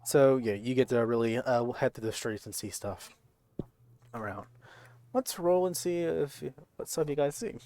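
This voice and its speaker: A man narrating a tabletop game as game master in a halting, informal, slangy way. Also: mid-range voice, dark tone, dry recording.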